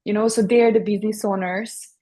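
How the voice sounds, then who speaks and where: A woman from Serbia speaks English with a Serbian accent, her pitch held level and even. She talks in a hesitant way, pausing on fillers and restarting her sentences. She sounds like a guest in her thirties on a podcast. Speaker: guest, interior designer. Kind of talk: podcast interview.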